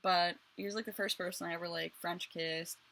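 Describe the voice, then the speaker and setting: A woman's voice: on the low side, fairly even intonation, a little fast, creaky, fairly bright tone. A young woman telling her own life story in a casual vlog, blunt, crude and self-mocking. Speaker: vlogger.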